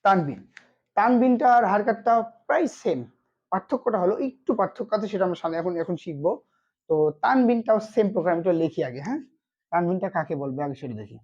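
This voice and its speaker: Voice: medium pitch, expressive, fast, darkish tone, breathy edge, highs cut off. A Quran reading teacher giving an online lesson, asking short questions and answering them himself.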